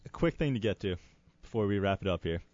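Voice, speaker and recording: Young male college radio host, low voice, easygoing, quick affirmations; muffled lo-fi audio. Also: animated, darkish tone, dry recording. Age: young adult. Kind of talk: casual morning radio banter. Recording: muffled lo-fi studio mic.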